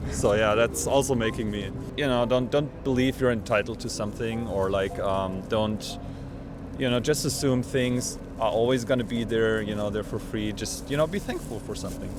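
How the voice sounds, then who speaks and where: A man speaks in an outdoor street interview, relaxed and reflective, with many fillers as he thinks aloud. Music can be heard clearly behind him. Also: lowish voice, normal speed. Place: outdoors in a city.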